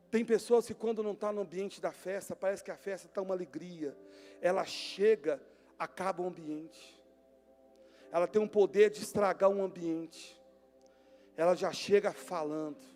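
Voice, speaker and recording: A man preaching a sermon as pastor, emphatic, swinging between near-shouts and hushed tones. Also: sits high. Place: church hall. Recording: long church-hall reverb with music behind.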